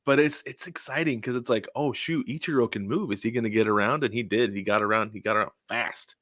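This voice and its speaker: Co-hosting a sports podcast, a man tells casual baseball stories and acts out what people said. His voice is medium in pitch, quick and a bit bright, with no room sound.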